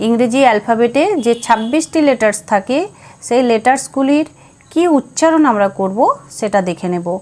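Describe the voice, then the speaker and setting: A woman's voice: on the high side, darkish tone. A woman teaching letter sounds, spelling words out letter by letter. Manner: slow, spelling letters out one by one. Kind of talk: phonics lesson.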